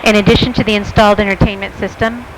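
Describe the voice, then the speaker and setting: A woman's voice: mid-range voice, flat delivery, fast talker. A woman speaking as a flight attendant, giving a scripted airline cabin announcement to passengers. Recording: cabin announcement over airplane engine noise.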